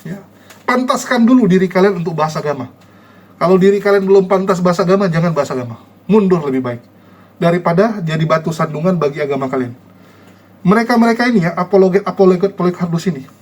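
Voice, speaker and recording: A man a high-pitched voice speaks casually to his online viewers. He is combative and mocking, and he scolds and ridicules the people he argues against. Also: animated, fast, a little mellow.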